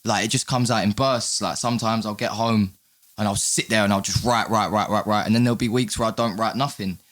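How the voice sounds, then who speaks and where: A man's voice: fairly low pitch, fairly even intonation, fairly quick, a bit bright. A man with an urban London roadman accent and slang, talking candidly and casually as a podcast guest, often repeating his words. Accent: London, urban street. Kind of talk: casual chat.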